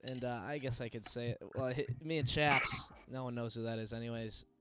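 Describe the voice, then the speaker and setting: Relaxed, rambling male co-host; voice sits mid-range with a crowd audible behind. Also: mid-range voice, fairly quick. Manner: laid-back, rambling with fillers and laughs. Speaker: podcast co-host. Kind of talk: casual chat.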